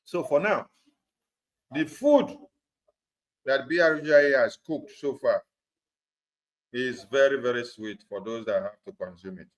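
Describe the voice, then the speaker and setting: Speaking at a measured pace with frequent pauses, a medium-pitched man delivers a political address to supporters over a group call. His emphatic, repetitive style drives points home, and the phone or computer audio sounds dull and lo-fi.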